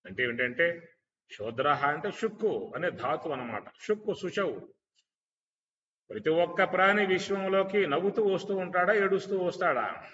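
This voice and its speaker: A man with a bright, sharp voice gives a spiritual discourse on scripture, often asking his listeners rhetorical questions and chanting Sanskrit verses. He sounds set back from the microphone, and a long reverb trails his words in a dull, muffled recording. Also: on the high side, expressive, moderate pace, far from the mic, slight background noise. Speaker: spiritual teacher.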